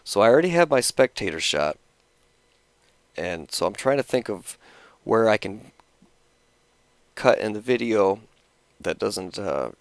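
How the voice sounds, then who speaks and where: Brief: low, gravelly-voiced man, lively delivery, rambling creator walking through his edit, dry close sound. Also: a little slow, long pauses, no echo. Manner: rambling, self-interrupting, talking around a cigarette. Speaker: video creator explaining his editing. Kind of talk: casual rambling explanation.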